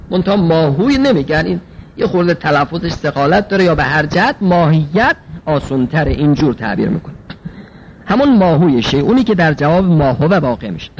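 Lively high-voiced male lecturer. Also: muffled recording, a little hiss or hum. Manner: reads Arabic phrases aloud, then explains them in colloquial speech; asks rhetorical questions and answers them himself. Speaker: teacher. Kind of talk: seminary-style logic lecture.

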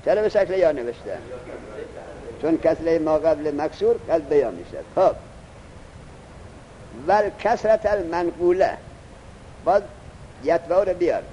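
Man teaching a lesson with a faint rumble. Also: animated, warm tone, muffled recording. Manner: explains, asks the student questions, reads the text slowly. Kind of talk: classroom lesson.

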